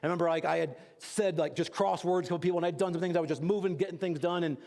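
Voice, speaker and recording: Pastor preaching in a high, casual voice. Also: male voice, steady tone, fast, gravelly, a little mellow, in a large hall. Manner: conversational storytelling with casual fillers; builds to urgent exhortation. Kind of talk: sermon. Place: church.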